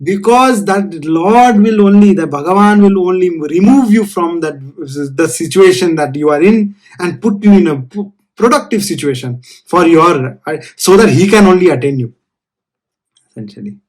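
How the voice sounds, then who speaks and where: A man's voice: high voice, lively intonation, normal speed, a little mellow, low-quality recording. A man with a South Indian accent giving an informal spiritual discourse as a teacher, earnest and repeating phrases for emphasis.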